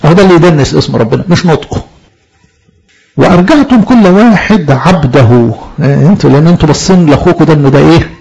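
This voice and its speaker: A man's voice: a little high, racing, gravelly, few pauses, mellow, husky. A man preaching a sermon in an Egyptian Arabic accent. He stresses his points and asks the listeners questions, then answers them himself. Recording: dull lo-fi recording.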